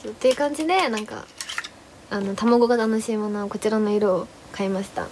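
Over background noise, a young woman chats casually on her livestream in a medium-pitched voice, talking a little fast. She's a rambling, chatty host who goes through her day, says hello to viewers one at a time, and calls herself by name in the third person.

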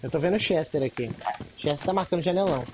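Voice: mid-range voice, quick pace. A player with a Brazilian Portuguese accent, chatting on voice chat with teammates and mixing in English slang. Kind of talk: gaming voice chat banter. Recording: noisy voice chat.

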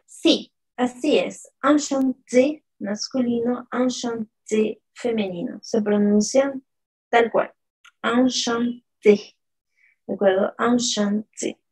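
A woman teaching a live online French lesson, modelling words slowly and repeatedly and answering viewers from the chat by name. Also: on the high side, vocal fry, mellow, breathy edge, poor audio.

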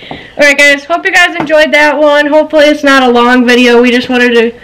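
A woman's voice: high-pitched, fairly even intonation, a little fast, a bit bright. A woman co-hosting a casual vlog at home, laughing often while she strains through the poses. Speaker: vlog co-host. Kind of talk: casual chat. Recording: roomy, distant, noisy room sound.

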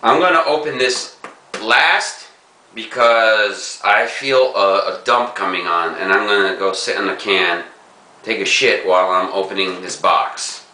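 A young man talking casually and crudely in an unboxing vlog, excitable and swearing freely. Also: fairly low pitch, unhurried, recorded from a distance, a little hiss or hum. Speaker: pipe-smoking video blogger. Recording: echoey room, from off-mic.

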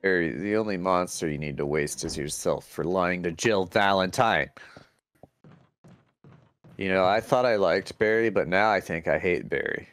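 Low-pitched and fairly bright in tone, this man co-hosts a let's play at a moderate pace, offering casual gameplay commentary. He makes sarcastic remarks and reads in-game text aloud while game music plays in the background.

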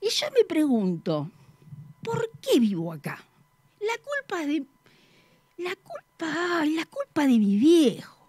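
A woman's voice: high voice, wildly swooping pitch, slow pace, pauses often, a little mellow, no room sound. A woman doing a comic character monologue in chatty street slang, with frequent asides to the audience. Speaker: comedian guest.

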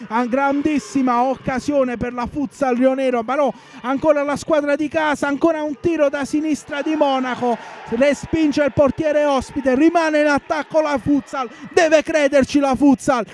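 A man commentates live on futsal from a noisy sports hall. His voice is extremely high for a man, pushed into breathless, shouted goal commentary over clear background noise. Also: steady tone, moderate pace. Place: indoor sports hall during a match. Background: clear match noise.

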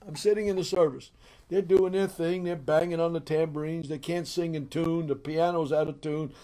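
A middle-aged man, a bishop, telling his testimony in an animated, boisterous storytelling manner. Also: fairly high pitch, normal speed.

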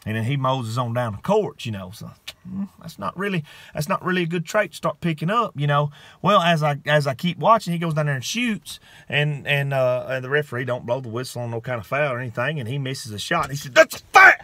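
A man hosting his show, telling a comic story in a folksy, drawn-out way with frequent asides. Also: mid-range voice, lively intonation, fairly bright tone, no room sound. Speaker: host. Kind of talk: comedic storytelling monologue.

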